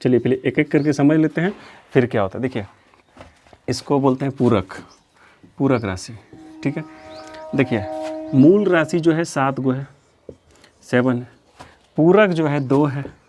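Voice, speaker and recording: A man's voice: mid-range voice, a little slow, pauses often. A man teaching a physics lesson in a lecture style, asking questions and answering them himself, repeating key terms as a drill. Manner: steady, explanatory, drills terms.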